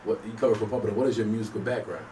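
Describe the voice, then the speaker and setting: A man with a lower voice fires off questions and jokes at a rapid clip as a radio co-host. He sounds set back from the mic, with a clear layer of studio noise underneath. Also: distant mic. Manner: joking, excitable, quick questions. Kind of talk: casual interview chat. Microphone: studio boom mic.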